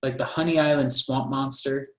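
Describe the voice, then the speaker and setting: A man's voice: medium pitch, level tone, moderate pace. Rambling man in an echoey room. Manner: rambling, many "like" fillers, swears. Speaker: podcast co-host. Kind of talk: casual chat. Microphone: video call.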